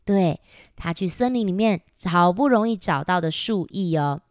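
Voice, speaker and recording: A woman reading a picture book aloud to young children, animated and asking them questions. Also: lowish voice, normal speed, dry recording, clean studio sound. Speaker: storyteller.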